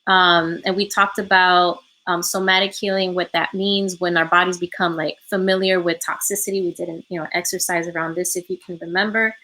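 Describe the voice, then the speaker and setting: In a low-leaning, level voice, a woman talks a little fast with hardly any pauses while running an online healing workshop from home. Her bright, forceful delivery is reflective, heavy on ums, and her points often end with "right?". The audio is poor.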